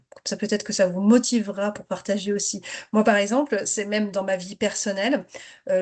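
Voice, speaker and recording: A woman leading an interactive online workshop for teachers, encouraging participants to share, speaking over a video call. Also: mid-range voice. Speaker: teacher trainer leading a webinar.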